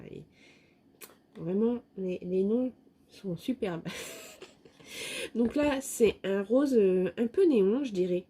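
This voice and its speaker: A woman from France talks through a craft shopping haul in an unhurried, relaxed way, her voice soft and mellow rather than bright. She hesitates often with fillers and drops in little self-mocking asides, keeping the tone easygoing and chatty. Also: mid-range voice, husky. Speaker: craft vlogger showing a haul. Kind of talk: casual product review talk.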